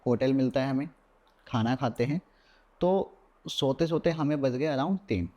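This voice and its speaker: A young adult man appearing as a podcast guest tells a personal horror story in lively Hindi sprinkled with English words. His voice is mid-range and unhurried, and the sound is lo-fi.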